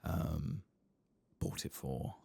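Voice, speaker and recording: A man with a very deep, gravelly voice speaks very slowly in a hushed, soft-spoken way, sometimes whispering, on a dry recording. He hosts a gameplay channel and is giving soft-spoken ASMR commentary on a video game.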